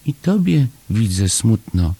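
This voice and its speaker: A man's voice: mid-range voice, expressive, measured pace, gravelly, a little mellow, slightly rough, pitched above the performer's own voice, full character voice. A man voicing a small, eager young male hamster in an audiobook story, with earnest, pleading chatter. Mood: earnest, sad. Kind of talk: audiobook character voice.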